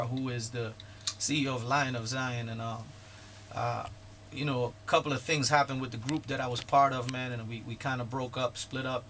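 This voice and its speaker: A man from Guyana, a guest artist talking casually in a radio interview, laid-back and quick to laugh. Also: medium pitch, a bit bright, slight background noise. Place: radio studio.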